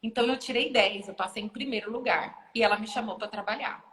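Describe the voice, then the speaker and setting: A woman lawyer shares a story casually on a live video chat, sounding bright and sharp. She acts out the voices of the people in her story with leaps in pitch. Her voice carries a roomy echo with a long reverb tail. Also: fairly quick. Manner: animated, acts out other people's lines with big pitch leaps. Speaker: lawyer and university lecturer, guest. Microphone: phone or laptop live stream. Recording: echoey room with long reverb.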